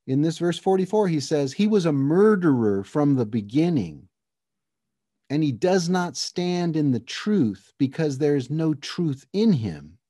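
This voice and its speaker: A male preacher delivering a sermon who speaks straight to his listeners and slows right down to stress verses. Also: on the high side, animated, mellow, no room sound, studio quality. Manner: emphatic, addresses the listeners directly; slows down to stress scripture phrases.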